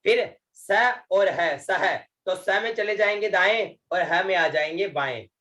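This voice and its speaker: The instructor's voice is high with a sharp tone as he leads an online class in Vedic recitation. Patient and slow, he repeats words and lengthens chanted syllables, checking in with students over and over with filler phrases.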